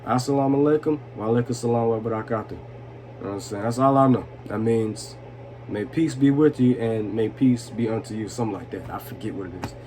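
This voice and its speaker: A man's voice: lowish voice, moderate pace. A man in his twenties telling personal stories in a casual, profane, slangy way, tipsy and rambling with chuckles. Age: 20s. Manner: slangy, repeats "you know what I'm saying". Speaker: storytelling vlogger. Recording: noisy room with steady background noise.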